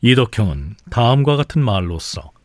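A man hosting and narrating a history program in clear, explanatory scripted speech. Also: medium pitch, very animated, normal speed, dry recording, studio quality.

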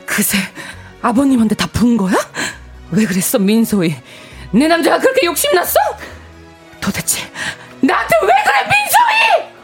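A woman's voice: a little high, very animated, normal speed, faint music behind. A woman playing a jealous, vengeful young wife in a radio reenactment of a melodrama, with furious, screaming lines. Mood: accusing.

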